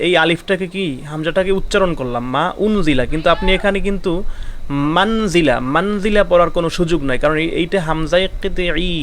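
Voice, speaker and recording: A man's voice: on the high side, slight background noise. Man teaching Arabic grammar patiently. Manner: explains patiently, repeats key terms and asks rhetorical questions. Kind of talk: online lesson.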